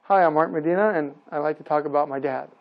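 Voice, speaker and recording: Man, personal testimony, plain and steady, somewhat high voice, muffled lo-fi audio. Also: quick pace. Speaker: speaker remembering his late father. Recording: dull lo-fi sound.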